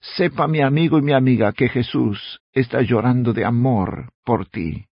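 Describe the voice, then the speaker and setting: A man's voice: medium pitch, normal speed, slightly rough, no echo, muffled recording. A man preaching a radio sermon as a pastor, speaking earnestly and addressing the listener directly as a friend.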